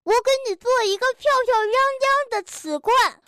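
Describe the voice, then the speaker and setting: A woman's voice: extremely high pitch, expressive, normal speed, fairly bright tone, no echo, studio quality, voice pushed up. A woman voicing a cheerful, proud male beaver dentist in a children's storybook, speaking in a bouncy, beaming way. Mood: explaining. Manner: bouncy, beaming, rhyming patter.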